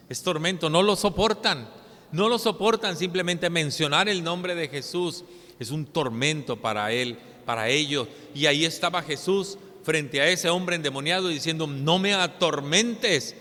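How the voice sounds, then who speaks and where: A Mexican man preaching a sermon as pastor, swinging between loud emphatic lines and hushed ones. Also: on the high side, in a large hall.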